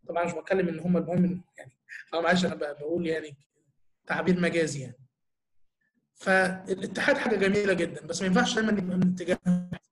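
Egyptian male church teacher, high voice, quick, earnest Q&A explainer. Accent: Egyptian Arabic. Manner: earnest, explanatory, full of rhetorical questions. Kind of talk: answering audience questions in a talk.

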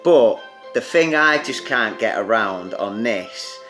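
A man co-hosting a casual podcast chat, blunt and sweary, pausing often on fillers. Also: on the low side, animated, a bit bright, soft background music. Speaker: podcast co-host.

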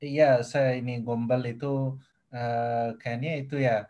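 Young man, halting speech. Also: medium pitch, little pitch movement, warm tone, muffled recording. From Nepal. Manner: halting, hesitant, mixing in English phrases. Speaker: guest. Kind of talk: casual interview chat.

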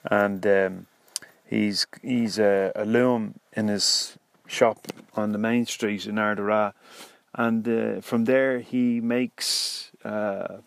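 A man's voice: fairly low pitch, gravelly, no room sound. An Irish man hosting a solo podcast in a casual, rambling, hesitant way, recorded inside a car. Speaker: podcast host. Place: inside a parked car, in the passenger seat.

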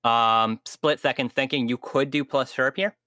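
A man's voice: medium pitch, fairly even intonation, measured pace, pushed and bright, dry recording. Dry-sounding man as game master. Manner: hesitant, filler-heavy. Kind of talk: narrating a tabletop game.

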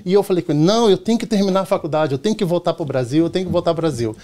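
A man's voice: sits high, very fast, mellow. A middle-aged man from Rio de Janeiro with a Carioca accent, a podcast guest telling chatty anecdotes and acting out the dialogue. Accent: Carioca Portuguese. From Rio de Janeiro, Brazil. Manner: chatty, tells anecdotes acting out quoted dialogue, often tags "entendeu?". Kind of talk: casual storytelling in a podcast chat.

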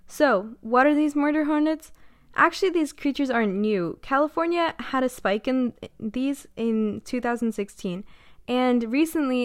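A woman's voice: fairly high pitch, no echo, clean studio sound. A young woman giving a scripted talk about the year's news, adding wry, joking asides. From Pacific Northwest, US. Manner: wry, jokey asides between read points. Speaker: presenter.

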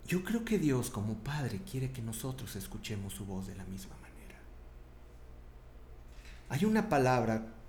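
A man's voice: medium pitch, measured pace, long pauses, roomy sound, slight background noise. A man with a Mexican accent preaching a sermon in a chatty, conversational way, often tagging his sentences with questions. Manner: conversational, animated, tag questions.

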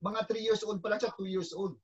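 High husky man, excitable. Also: a little fast, highs cut off. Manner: excitable, breaks into shouts at climaxes. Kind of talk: casual storytelling chat.

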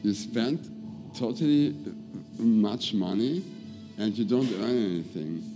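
A man with a lower voice co-hosting a loose chat. He stumbles and restarts as he teases the others. Music plays clearly behind him. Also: animated. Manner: halting, teasing, laughs between lines. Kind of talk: casual banter.

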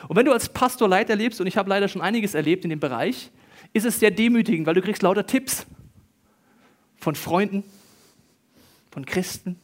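A middle-aged male pastor preaching a sermon, swinging between hushed, intimate tones and loud, excited bursts. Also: high voice, normal speed, pauses often.

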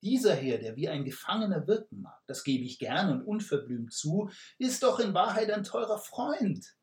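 A man's voice: fairly high pitch, a little slow, creaky, far from the mic, pitched above the performer's own voice. A man voicing a sly male robber leader with flowery, ingratiating speech. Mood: smarmy. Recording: roomy echo.

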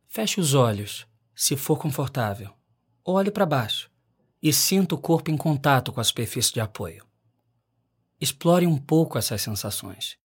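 A man leads a scripted guided meditation as an instructor. His voice is mid-pitched, with a soft husky breathiness. He gives each instruction calmly and leaves long, unhurried pauses between phrases.

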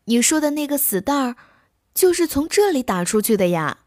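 Woman voicing a little piglet, naive, childlike, high voice, dry storybook read. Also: fast, no room sound, natural voice. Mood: innocent. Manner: innocent, eager, childlike.

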